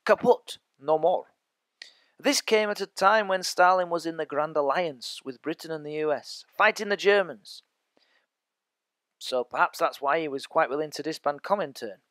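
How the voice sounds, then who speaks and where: Guy with a high voice doing a casual history podcast lesson, jokey asides, dry close sound. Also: a bit bright, no room sound. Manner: chatty, jokey asides to listeners. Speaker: teacher. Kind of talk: educational podcast lecture.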